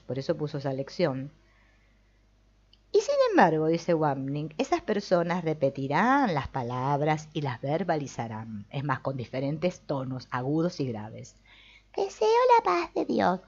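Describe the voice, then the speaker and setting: A middle-aged woman with a Rioplatense Spanish accent giving an informal spiritual talk, animated and colloquial, acting out quoted voices for humor. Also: deep voice, normal speed. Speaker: spiritual teacher. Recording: dull lo-fi recording.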